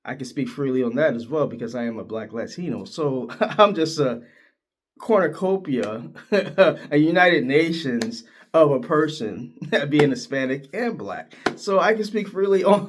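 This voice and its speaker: Middle-aged man from Ohio, sports commentator, fairly high voice, talks in animated bursts. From Northeast Ohio. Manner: animated, opinionated, pitch jumps high when worked up. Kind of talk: casual sports commentary vlog.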